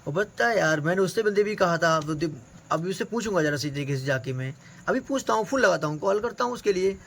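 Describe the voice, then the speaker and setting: A man's voice: high voice, expressive, fast talker, vocal fry, a bit bright. A man performing an improvised doll-play skit in a bustling, chatty way, often tossing in casual fillers. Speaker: performer voicing dolls in a family skit.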